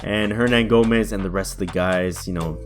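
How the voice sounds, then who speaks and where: A man's voice: deep voice, normal speed. A young man casually commentating a basketball video game, chatty and thinking aloud, with faint music behind him. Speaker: gaming YouTuber.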